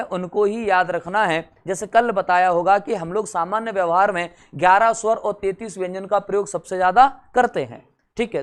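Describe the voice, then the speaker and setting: A man's voice: high voice, clean tone. A man from India giving a classroom lecture at a board, talking conversationally, checking that students follow and adding wry, teasing asides. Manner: conversational, addresses students directly, checks understanding. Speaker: teacher.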